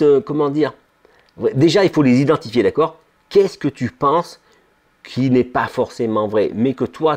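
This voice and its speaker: A man giving an informal motivational talk about his ice cream business, full of slang and constant "d'accord?" check-ins, acting out inner voices in low murmurs. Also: darkish tone. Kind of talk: casual motivational talk to camera.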